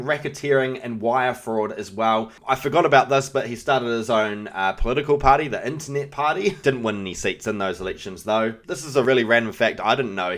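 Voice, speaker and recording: A man's voice: on the low side, fairly bright tone. A young man with a New Zealand accent hosting a casual commentary video, laid-back and slangy, laughing between points. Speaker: YouTube host.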